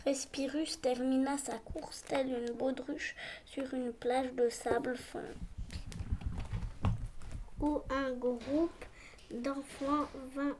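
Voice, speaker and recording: A woman narrating a scripted children's story aloud, in short halting phrases. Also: sits high, level tone. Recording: clearly noisy recording with clicks.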